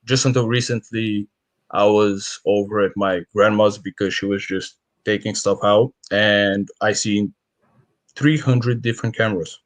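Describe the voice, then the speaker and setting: A man from Bulgaria, a guest photographer, speaking in a halting, casual way on a video call. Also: on the low side, steady tone, dry recording. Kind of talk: casual interview talk.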